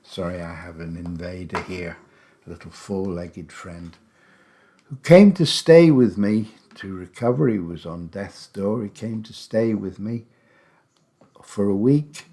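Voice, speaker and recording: Talking about his own life on his podcast, a man in his seventies from England rambles in a relaxed, chatty way and drops in wry asides. He also teaches English. His voice sits low with a warm tone, and he speaks a little slowly.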